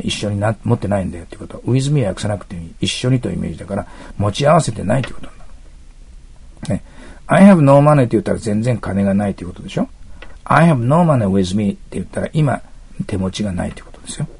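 Gravelly male english teacher, dark husky voice, walks thru exam questions step by step. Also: lowish voice, lively intonation, quick pace. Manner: explains step by step, asks listeners to mark text. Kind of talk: exam prep lecture.

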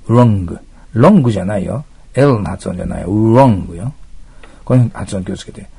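Gravelly low-voiced man teaching English. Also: moderate pace, warm tone. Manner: explains step by step, asks listeners to mark text. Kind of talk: exam prep lecture.

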